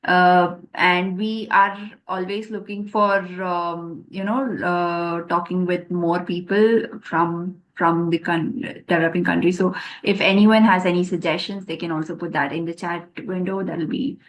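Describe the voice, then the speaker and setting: A woman presenting in an online meeting over a video call, speaking in a halting way with many pauses. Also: on the low side, steady tone, poor audio. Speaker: session presenter.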